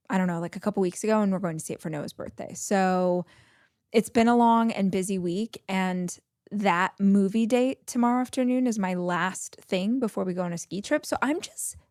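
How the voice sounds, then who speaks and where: A woman's voice: mid-range voice, darkish tone, no room sound, clean studio sound. A woman in her forties hosting her own podcast, talking in a chatty, enthusiastic, bubbly way to her listeners. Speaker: podcast host. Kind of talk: casual solo podcast talk.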